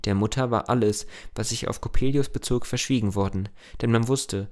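A man's voice: mid-range voice, normal speed, darkish tone. A man reading a classic German novella aloud as an audiobook, in a plain manner with the odd slip and restart. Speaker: audiobook reader.

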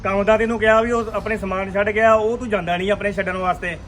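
A man playing a bossy shop owner, fast and high. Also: little pitch movement, fairly bright tone, a little hiss or hum. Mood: scolding. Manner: scolding, blunt.

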